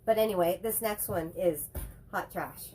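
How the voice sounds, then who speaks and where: A woman with a head cold co-hosts a casual movie chat, rambling, chatting, and quick to joke. Her voice is fairly low and mellow, with faint music in the background.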